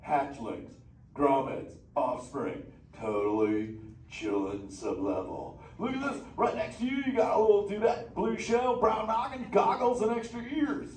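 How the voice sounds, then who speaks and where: A man's voice: high voice, animated, a little slow, darkish tone. Crush, a man doing a stoked surfer-dude sea turtle. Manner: slangy surfer drawl, stoked and playful. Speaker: live show character chatting with audience. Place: indoor theater show. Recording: echoey theater, distant, noisy.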